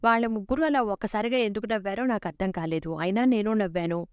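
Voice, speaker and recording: Clear-voiced woman narrating a story. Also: medium pitch, fast, a little mellow, no room sound, clean studio sound.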